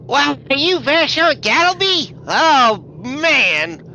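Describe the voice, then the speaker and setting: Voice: mid-range voice, animated, a little slow, sharp tone, muffled recording, a little hiss or hum. A game master voicing an eager, bumbling, condescending young man who stammers and apologizes in a tabletop game. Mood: eager, apologetic. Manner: stammering, flustered, over-apologetic. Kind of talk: tabletop role-play character voice.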